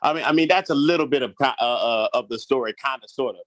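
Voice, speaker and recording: Fast-talking, profane man telling a rambling story. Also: mid-range voice, fairly bright tone, no echo. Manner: profane, rambling storyteller who repeats himself. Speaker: podcast guest. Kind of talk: comedic interview.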